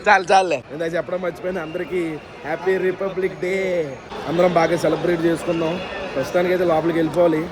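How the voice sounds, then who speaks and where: A young man films a travel vlog on a handheld phone, chatting casually and teasing his friends outdoors and in transit through airports and streets. His voice is a little high with a level tone and a rapid-fire delivery, over crowd noise plus loud street and traffic sound.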